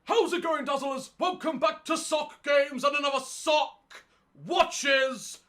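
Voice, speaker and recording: A man voicing a cheeky male sock puppet that hosts a channel, squeaky and mock-upbeat. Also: slow pace, a bit bright, exaggerated voice. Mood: chirpy. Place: home office.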